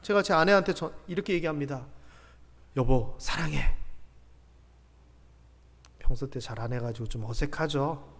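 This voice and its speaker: A male pastor with a Gyeongsang accent, preaching a Sunday sermon in a church, emphatic, moving between loud calls and hushed near-whispers. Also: on the high side, lively intonation, fast talker. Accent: Gyeongsang Korean. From Gyeongsang region, Korea. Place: church sanctuary. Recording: long church hall reverb.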